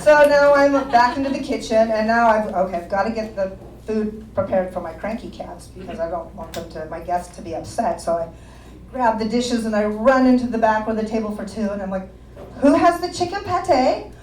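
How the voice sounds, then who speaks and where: Animated woman doing stand-up. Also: medium pitch, a little fast, slight background noise. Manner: animated, laughing through lines. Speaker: stand-up comedian. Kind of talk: stand-up storytelling. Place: small comedy club stage. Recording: roomy club sound from a distance, audience laughter.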